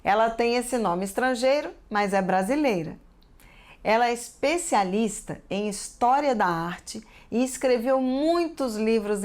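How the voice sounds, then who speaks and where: A woman with a Brazilian Portuguese accent teaching a TV lesson for children, carefully asking the class many questions. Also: mid-range voice.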